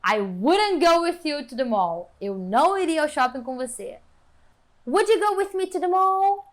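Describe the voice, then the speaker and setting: A Brazilian woman teaching an English lesson, explaining patiently and modeling English phrases slowly with exaggerated intonation. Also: high-pitched, fairly bright tone.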